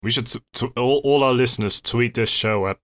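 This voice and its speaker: A man's voice: mid-range voice, brisk, a bit bright, dry recording. A man co-hosting a podcast in casual chat, blunt and joking, with some swearing. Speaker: podcast co-host.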